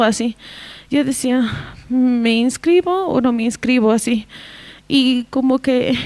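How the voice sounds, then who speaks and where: A woman's voice: high-pitched, darkish tone, no echo. A young woman giving a personal church testimony, hesitant and tagging nearly every phrase with the same filler. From Bolivia.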